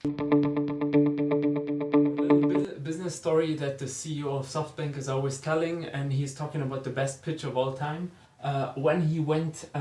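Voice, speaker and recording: A man's voice: mid-range voice, darkish tone, reverberant. A man hosting a finance channel, explaining an investment topic for beginners in a casual, chatty way and addressing viewers directly. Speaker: finance video host.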